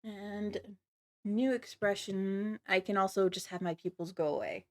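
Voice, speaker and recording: A woman's voice: mid-range voice, fairly even intonation, a little slow. A woman livestreamer chatting casually to viewers, with a giggly, apologetic and slightly nervous manner. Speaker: livestreamer, virtual avatar host.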